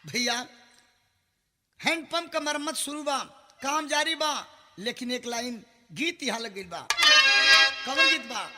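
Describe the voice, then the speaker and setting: Male Bhojpuri Birha singer-narrator, very high voice, unhurried delivery, mixes spoken story and sung refrains, long reverb with instrumental backing. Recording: echoey studio mix with instrumental music behind. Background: folk instrumental accompaniment.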